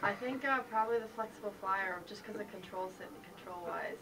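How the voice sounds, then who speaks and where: A woman's voice: mid-range voice, a little fast, bright, forceful tone, far from the mic, low-quality recording. A woman chatting casually and explaining things in an easygoing way as an athlete guest in an interview. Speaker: athlete guest on a radio show. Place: radio studio. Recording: off-mic sound with clear background noise.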